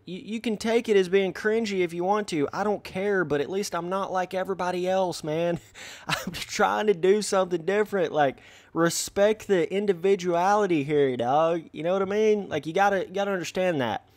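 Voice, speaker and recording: A man's voice: sits high, no echo. A young man talking straight to his viewers in a brash, slangy way while he comments on a game. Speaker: gaming YouTuber. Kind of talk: casual gameplay commentary.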